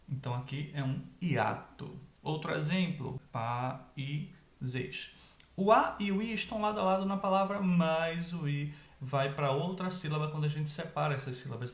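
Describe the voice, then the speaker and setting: A man teaching an online grammar lesson, explaining step by step and checking in with quick tag questions. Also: fairly high pitch, creaky, echoey room.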